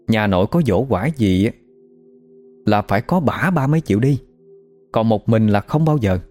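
A man's voice: lowish voice, dark tone. A man telling a first-hand story in a casual, conversational way.

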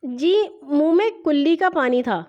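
Lady doing a nervous little boy in a kids story, stammery, hurried, high. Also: darkish tone, highs cut off, close to an everyday voice. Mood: timid. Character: timid young schoolboy, nervous and eager. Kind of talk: storybook reading.

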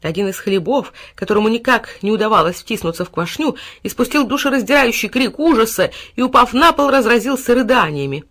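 A woman reads a fairy tale aloud as an audiobook. Her narration is expressive and animated, rising with the action. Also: a little high, brisk, few pauses.

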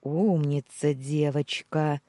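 A gruff, ruthless older man who barks his orders slowly, as a woman reader puts him on. The voice is dark and husky. It is read close and dry, like a storybook. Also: deep voice, sing-song, no room sound, full character voice. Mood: scheming. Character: ruthless older man, the husband's greedy uncle.

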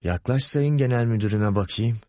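In an audiobook, a man voices a pompous, lecherous middle-aged boss who turns from wheedling to grumbling to commanding. His medium-pitched, darkish voice moves at a moderate pace, pitched above his own yet close to an everyday voice, in a dry, studio-quality recording.

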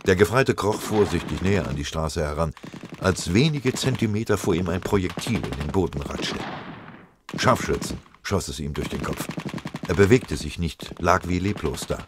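A man's voice: low voice, normal speed, noisy background. A man reading a war story aloud in a dramatic, vivid storytelling manner. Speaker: narrator. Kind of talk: scripted audiobook narration.

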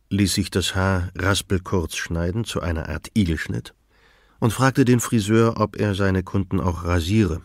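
A man reads a novel aloud in a measured, steady way, his voice very deep. The studio sound is close and dry, with no room around it. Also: no echo. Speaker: audiobook narrator. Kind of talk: scripted narration.

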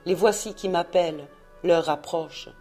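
A woman's voice: fairly low pitch, unhurried, a little mellow, soft background music, natural voice. A woman voicing a young male sea captain, passionate and brooding, speaking with fervent tenderness. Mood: calm resolve.

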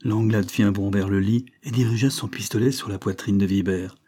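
A man narrates a classic novel in a calm, measured way. His voice is low and husky, with a dark, mellow tone. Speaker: audiobook narrator. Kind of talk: scripted narration.

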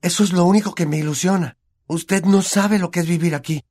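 Earnest, worried boy wizard, voiced by a male narrator with a Latin American Spanish accent; raised pitch, for an audiobook. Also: a little fast, a little mellow. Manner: eager, anxious questioning. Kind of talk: audiobook character voice.

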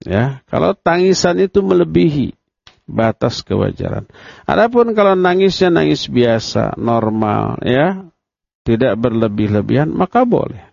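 An Islamic preacher with a medium-pitched, slightly mellow voice and vocal fry gives a very animated but unhurried religious study lecture. He poses rhetorical questions, answers them himself, and acts out what the dead and their family would say. The lo-fi recording sounds dull and dry.

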